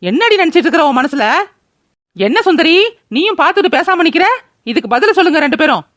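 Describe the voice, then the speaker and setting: A woman voicing a sharp-tongued, quarrelsome older village mother in a cartoon, scolding loudly. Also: high voice, expressive, fast talker, no echo, studio quality. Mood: angry. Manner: scolding, loud and bossy. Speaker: voice actor. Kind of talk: cartoon voice acting.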